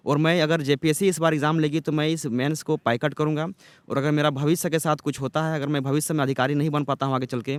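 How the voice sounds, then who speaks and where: Young male protester interviewed outdoors; earnest, aggrieved, halting speech, dry close sound. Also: on the high side, clear, resonant tone, no room sound. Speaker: protesting exam candidate. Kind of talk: on-the-street interview.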